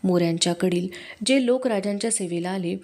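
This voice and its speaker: Woman audiobook narrator, warm and mellow, even storytelling. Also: mid-range voice, a little fast. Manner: steady storytelling. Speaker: audiobook reader. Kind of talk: scripted narration of a historical novel.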